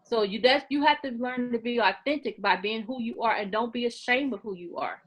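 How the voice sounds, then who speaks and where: This is a fairly high, slightly rough female voice, a touch fast, on poor-quality audio. The speaker, a naturally loud woman in her late forties, is being interviewed casually and makes her points earnestly, a little preachily, repeating herself as she goes.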